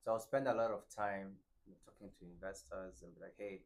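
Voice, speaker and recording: A young adult man's voice sits low and moves briskly as he, a Burundian native French speaker, explains venture capital in conversation. Animated, he acts out dialogue and frequently asks "right?".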